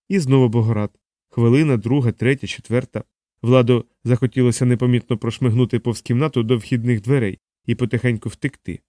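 A man's voice: mid-range voice, mellow, dry recording. Man narrating an audiobook, dry sound. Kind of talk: scripted narration.

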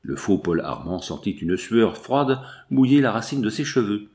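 A man narrating an audiobook of a nineteenth-century novel in a steady, formal reading. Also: fairly low pitch, normal speed.

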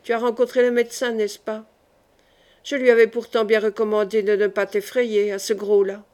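Woman reading as a gentle dying young man. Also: medium pitch, little pitch movement, moderate pace, close to an everyday voice. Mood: tender.

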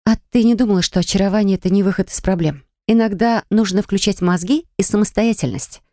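A woman's voice: mid-range voice, fast talker, warm tone, no echo, lightly acted. A woman voicing a blunt, sardonic young tomboy with a dry, cutting manner in audiobook dialogue.

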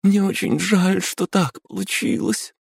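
A man reads as a tearful, capricious young woman, pitched far above his own dry, gravelly voice. She sobs and pleads loudly with remorse, all in the voice of a storybook reading. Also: sing-song, normal speed, no echo, heavily acted. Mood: sobbing. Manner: high, loud, emotional. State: crying.

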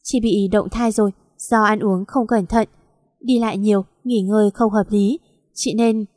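Woman reading as a gentle young male doctor. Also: mid-range voice, normal speed, dry recording, studio quality, lightly acted. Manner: calm, reassuring.

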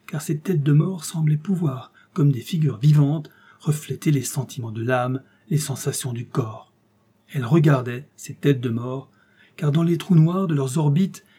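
A man narrating a novel as an audiobook in a measured, even storytelling delivery. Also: mid-range voice, slightly rough. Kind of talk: scripted literary narration.

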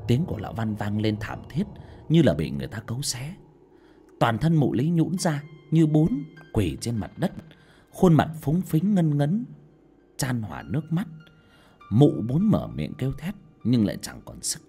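A man narrating a scripted horror story in a dramatic, expressive manner. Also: medium pitch, normal speed, breathy edge, faint music behind.

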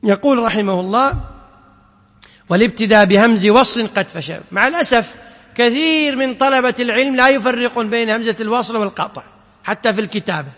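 A man's voice: very high-pitched, sharp tone, long reverb tail. A man, a sheikh, giving a classroom lesson: he chants the verses of a poem, then explains them while putting questions to his students. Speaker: sheikh teaching Quran sciences.

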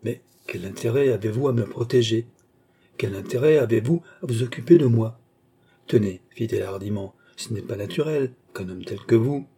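A man's voice: mid-range voice, normal speed, mellow, breathy edge. A man reading a wary, pleading young woman. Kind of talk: audiobook character reading.

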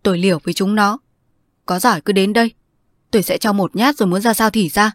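A woman's voice: mid-range voice, fairly quick, no echo, studio quality, close to an everyday voice. A woman voicing a hot-tempered young man who speaks harshly and bluntly in a storybook reading. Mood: furious.

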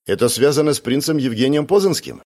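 A man's voice: medium pitch, lively intonation, fast, a little mellow, voice pushed up. A man voicing a cold, stern young woman. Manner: cold, clipped questioning.

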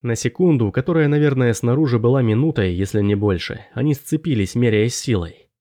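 A man with a medium-pitched voice narrates a first-person fantasy audiobook, keeping his storytelling measured and steady.

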